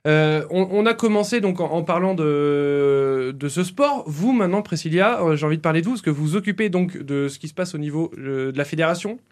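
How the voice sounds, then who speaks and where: Higher-pitched chatty male radio host. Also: animated. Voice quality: chatty, self-deprecating, halting with fillers. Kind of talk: radio interview.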